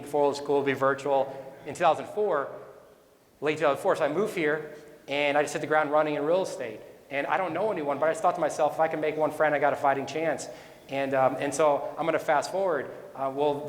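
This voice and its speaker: A man in his forties giving a rambling, conversational personal testimony at a business leaders' event. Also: on the high side. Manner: conversational, rambling with restarts and asides. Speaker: speaker. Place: event hall. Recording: echoey hall with long reverb.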